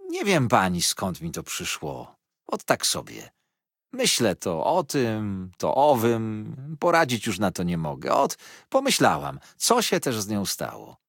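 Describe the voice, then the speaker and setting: A fiery, devoted old servant woman, put on by a male reader in a storybook. She bursts out with raised, emphatic, indignant exclamations over a lively, swooping pitch. The voice is slightly husky and close to the mic in a dry room. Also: measured pace, no echo, exaggerated voice. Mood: evasive.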